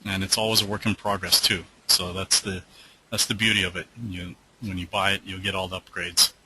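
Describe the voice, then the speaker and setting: A man's voice: sits low, flat delivery, a little fast, sharp tone, slight background noise, poor audio. A man hosting a live trading webinar who answers viewer questions in a loose, rambling way with lots of fillers, and who is losing his voice.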